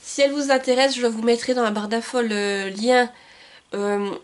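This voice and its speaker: A woman's voice: on the high side, steady tone, normal speed. Chatty woman book vlogger. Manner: chatty, many fillers and restarts. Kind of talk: casual book haul chat. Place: home room with bookshelves and Christmas lights. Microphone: camcorder mic.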